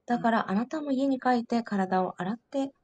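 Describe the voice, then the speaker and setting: A woman's voice: a little high, moderate pace, darkish tone, close to an everyday voice. Yashoda, a doting mother, as a woman reader puts her on. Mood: scolding fondly. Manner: fond, coaxing motherly tone. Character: loving, doting mother calling her young son home. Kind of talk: storybook reading.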